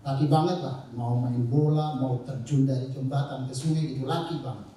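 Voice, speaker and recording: A man telling a relaxed, jokey story about his childhood friends at a church event. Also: medium pitch, normal speed, a little hiss or hum. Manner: easygoing, jokey. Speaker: co-speaker. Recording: echoey church hall from far off.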